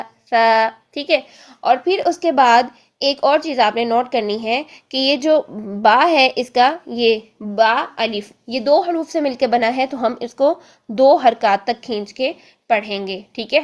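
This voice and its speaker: A woman teaching a Quran reading lesson step by step, in a patient manner, repeating "theek hai" between points and drawing out each letter sound as she demonstrates it. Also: on the high side.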